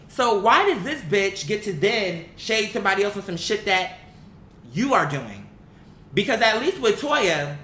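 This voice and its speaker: A fairly bright mid-range voice belongs to an online commentator offering blunt, opinionated casual remarks. She sounds exasperated and emphatic, swears freely, and relies on rhetorical questions, with room echo and faint background noise in the recording.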